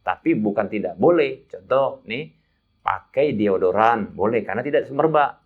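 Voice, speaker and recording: A man guiding pilgrims through a religious lesson, chatty and lively, laughing at his own stories. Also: medium pitch, moderate pace. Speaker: umrah guide teaching pilgrims. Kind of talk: religious instruction talk. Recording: dull lo-fi sound.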